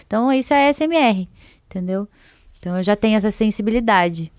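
A young ASMR creator rambles and giggles through a casual chat as a podcast guest, frequently stopping herself mid-thought. She speaks quickly in a mid-range, slightly mellow voice with lively intonation, and the studio-quality audio has no echo.

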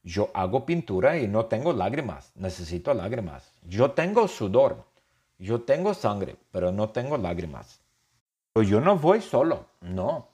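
A man speaking as an eccentric young male painter, in slow, simple, deadpan first-person sentences. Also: lowish voice, breathy edge, heavily acted. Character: odd young man who paints with tears. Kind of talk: comic storytelling.

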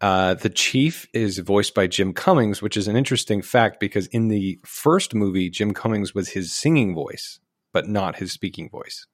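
Low-voiced man recapping a movie. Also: animated, moderate pace, no echo, clean studio sound. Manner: jokey, rambling plot retelling. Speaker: podcast co-host. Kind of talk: casual movie recap chat.

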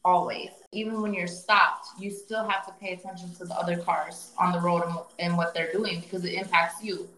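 A woman's voice: fairly low pitch, flat delivery, moderate pace, hardly any pauses, a bit bright, slight background noise. Woman podcast cohost, playful back-and-forth banter, echoey room. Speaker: podcast co-host. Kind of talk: casual chat.

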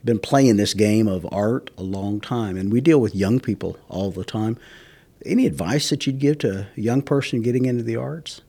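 A man hosting an interview podcast, chatty and friendly with halting restarts. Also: lowish voice, creaky, warm tone, slightly rough. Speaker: host, museum director.

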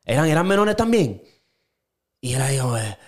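A man, a podcast co-host, recapping a show in casual chat, full of slang and acted-out quotes. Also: fairly quick. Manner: animated storyteller, acts out quotes with sudden high jumps, heavy slang.

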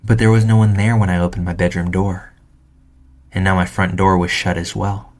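Deep, flat-voiced male narrator. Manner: calm, measured storytelling. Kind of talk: scripted narration of true stories.

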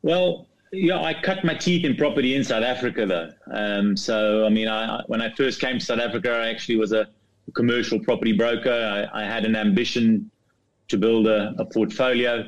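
A middle-aged man from Zambia, a company chief in a business interview, speaking haltingly with many restarts and repeated words. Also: lowish voice. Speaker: property fund CEO, guest. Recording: dull lo-fi remote line.

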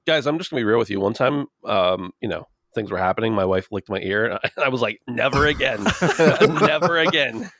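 A man's voice: fairly low pitch, fast, hardly any pauses, fairly bright tone, no room sound, studio quality. A man hosting a casual comedy podcast, joking and self-deprecating. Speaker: podcast host.

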